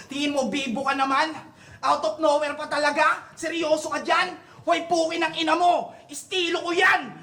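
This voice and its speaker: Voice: high-pitched, a bit bright. A battle rapper delivering a mocking, taunting verse straight at an opponent, landing one punchline after another. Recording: roomy live-venue recording with faint noise.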